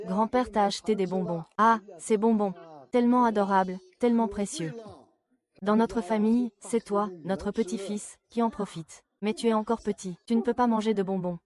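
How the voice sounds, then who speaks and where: A woman's voice: mid-range voice, close to an everyday voice. A woman dubbing dialogue for a family drama with an emotional delivery. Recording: loud crowd noise behind.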